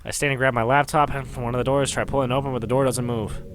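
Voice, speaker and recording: A man's voice: mid-range voice, flat delivery, racing, noisy background. A man reading a fan fiction story aloud, stumbling over words, laughing at his slips and throwing in swearing asides.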